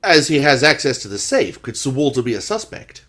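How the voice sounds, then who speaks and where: An actor playing an earnest gentleman doctor who narrates a detective radio drama in an expressive storytelling way. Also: mid-range voice, a little fast. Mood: puzzled, inquiring.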